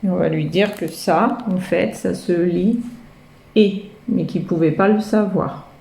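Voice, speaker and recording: A French woman who teaches kindergarten speaks somewhat slowly in a low, dark voice with vocal fry. She patiently explains how children learn to write, sounding out syllables and letters individually in a step-by-step way.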